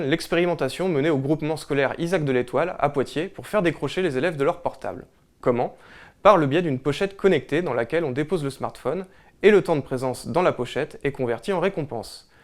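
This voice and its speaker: A man hosting a local weekly newspaper show, presenting the issue and then interviewing a guest with hesitant questions. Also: on the high side. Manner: brisk read-through, then hesitant questions. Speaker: host.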